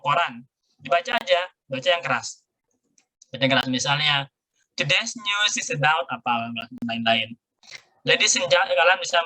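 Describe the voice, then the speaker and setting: A man's voice: on the high side, bright, forceful tone, rough recording. A middle-aged male university lecturer explaining a grammar lesson, switching between Indonesian and English.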